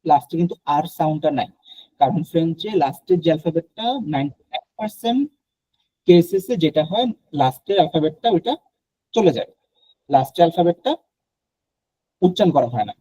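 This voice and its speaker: A man's voice: a little high, animated, brisk, pauses often, dark tone, rough recording. A man from Bangladesh teaching a French class online, explaining patiently and mixing in English phrases.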